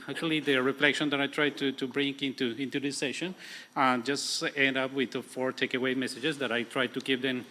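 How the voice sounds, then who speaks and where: A young adult man from Colombia with a strong Latin American Spanish accent, speaking fast in a conference presentation and often restarting his words. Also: medium pitch, sharp tone, a little hiss or hum.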